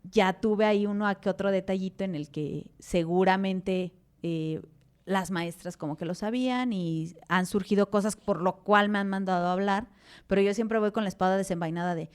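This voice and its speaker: A woman's voice: medium pitch, normal speed, smooth. A Mexican woman, a mother and podcast guest, telling her story animatedly, acting out dialogue with many fillers. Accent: Mexican Spanish. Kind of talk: interview conversation.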